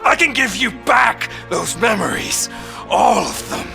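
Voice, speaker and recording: An actor playing a manipulative criminal villain in a video game, sly, needling and coaxing. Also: male voice, high-pitched, very animated, a little slow, vocal fry, over music, exaggerated voice. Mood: coaxing, taunting.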